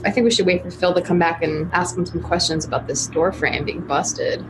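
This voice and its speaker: A woman's voice: on the low side, fairly quick, background noise. A woman taking part in a tabletop game with playful, curious remarks. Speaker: player.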